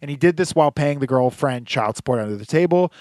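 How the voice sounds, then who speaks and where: A man's voice: a little high, lively intonation, quick pace, a little mellow, dry recording. Guy cohosting a podcast, rambly and sarcastic, lots of ums, dry no-room sound. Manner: rambling, filler-heavy, wry sarcasm. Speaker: podcast co-host. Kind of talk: casual chat.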